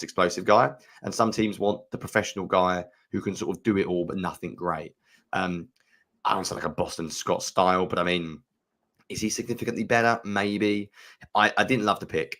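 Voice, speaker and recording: The co-host, a man from the United Kingdom, has a fairly low pitch and a fairly bright tone. On the sports podcast he shares candid, opinion-heavy analysis, using fillers while he thinks aloud.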